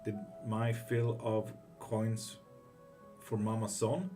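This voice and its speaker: Music plays in the background as a low-voiced Greek man runs a live tarot stream. He reads viewer comments in a loose, chatty, profane manner, staying relaxed and laughing quickly.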